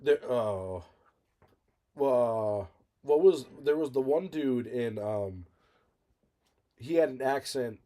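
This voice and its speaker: A man's voice: medium pitch, lively intonation, takes it slowly, long pauses, warm tone. A man co-hosting a casual podcast, rambling with many fillers and self-corrections. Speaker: podcast co-host. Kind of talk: casual chat.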